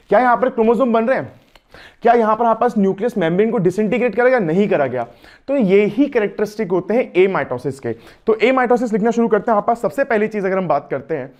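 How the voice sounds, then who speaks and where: A male biology teacher with an Indian accent gives an exam-prep lecture in a fairly high voice. He talks in a chatty way, drifts between Hindi and English and keeps asking his students questions. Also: a little mellow.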